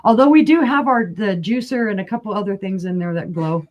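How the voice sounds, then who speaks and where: A woman's voice: mid-range voice, a little fast, dull audio. A woman hosting a live-stream vintage glass auction, chatting casually and describing each piece with asides. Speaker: online glass auction host.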